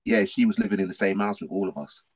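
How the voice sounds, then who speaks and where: Talking fast in a low, slightly rough voice, a middle-aged podcast guest from South London describes his life in casual slang. His accent is South London, and he's animated and repeats himself.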